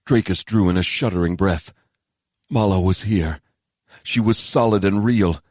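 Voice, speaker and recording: A man narrating a fantasy novel in a steady, measured storytelling voice on a close studio mic. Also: low voice, no room sound. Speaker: audiobook narrator.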